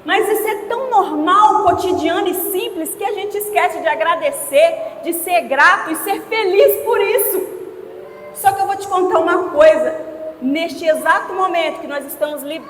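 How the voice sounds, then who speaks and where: Brief: woman preacher, high voice, chatty storytelling sermon, booming hall reverb. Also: a little hiss or hum. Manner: storytelling, conversational asides to the congregation. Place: church hall. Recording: echoey church hall.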